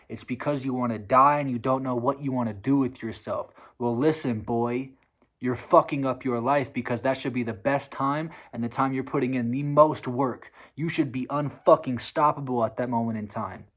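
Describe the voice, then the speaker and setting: Facing the camera, a man delivers a blunt, profane rant about hard work for his motivational vlog. His mid-pitched voice sounds strained and sore from all the talking.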